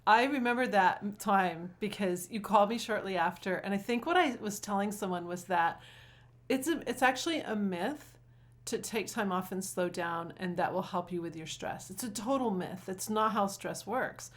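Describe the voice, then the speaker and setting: Woman, middle-aged, performance coach, interview guest, animated storytelling, medium-pitched voice. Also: moderate pace. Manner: animated storytelling, acts out quotes. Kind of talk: interview conversation.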